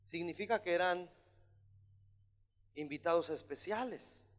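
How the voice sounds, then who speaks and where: A man preaching a sermon as pastor, emphatic and at times shouting. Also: high-pitched, measured pace. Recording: long hall reverb.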